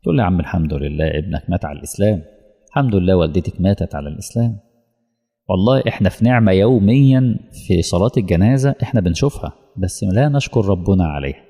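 A man's voice: low voice, lively intonation, rapid-fire, warm tone, breathy edge, faint music behind. A man with an Egyptian Arabic accent delivering an emotional, pleading sermon as a preacher. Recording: long hall reverb.

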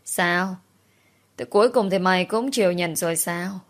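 A woman voicing a spiteful, quarrelsome female co-worker who yells and accuses in a storybook reading. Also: lowish voice, moderate pace, lightly acted. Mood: accusing. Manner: accusing, yelling.

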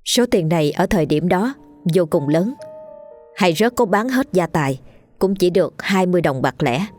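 A woman narrating a scripted ghost story with steady, dramatic storytelling. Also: lowish voice, normal speed, soft background music.

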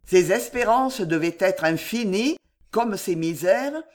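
Audiobook narrator, slow measured reading, lively expressive pitch, literary.

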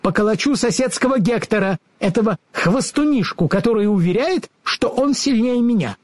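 A cocky little storybook dog brags in a raised, husky voice, as a man puts it on. His boasts bounce with lively pitch. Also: moderate pace, no room sound. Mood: boastful. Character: small boastful male dog.

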